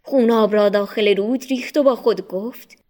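A woman narrating a storybook for children in an expressive, measured way. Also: medium pitch.

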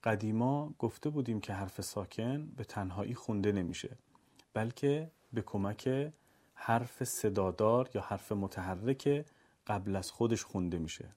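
A man teaching the rules of Quran recitation, explaining step by step and chanting the examples in a slow, melodic voice. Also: lowish voice, mellow. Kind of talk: instructional explanation.

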